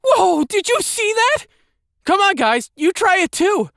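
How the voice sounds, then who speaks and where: An eager, boastful young boy in a storybook, as a man puts him on. His voice jumps very high and swings widely, sounding excitable and a bit shrill, recorded dry and close. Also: moderate pace, dry recording, exaggerated voice. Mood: thrilled. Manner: excitable, shrill when thrilled.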